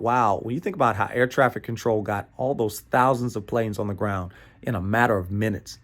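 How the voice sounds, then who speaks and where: Here an American man with a mid-range, fairly bright voice presents a motivational training talk. His style is emphatic and playful, full of repeated phrases, frequent "right?" check-ins, asides, and chuckles.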